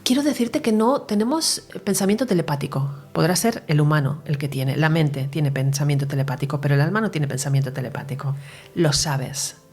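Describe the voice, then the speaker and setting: A woman's voice: low voice, a little mellow, husky. Woman whispering through an earnest testimony. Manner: earnest and emotional, dropping to a whisper at times. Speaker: interviewee recounting a near-death experience. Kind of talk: personal testimony in an interview.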